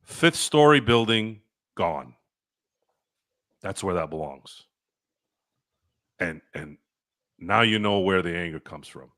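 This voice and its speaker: A man's voice: deep voice, lively intonation, slow pace, long pauses, a bit bright. A man hosting a sports talk show, ranting with heated, profane opinions. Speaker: sports podcast host.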